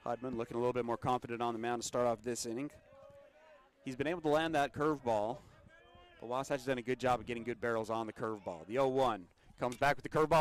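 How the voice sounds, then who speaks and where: A man doing steady play-by-play of a high school baseball game for local radio, laughing easily with his partner between pitches. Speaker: play-by-play announcer.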